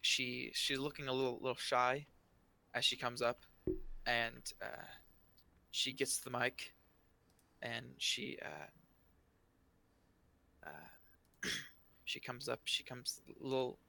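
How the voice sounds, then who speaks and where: A man narrating as game master of a tabletop game, in a halting, hesitant way. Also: mid-range voice, flat delivery, vocal fry, sharp tone.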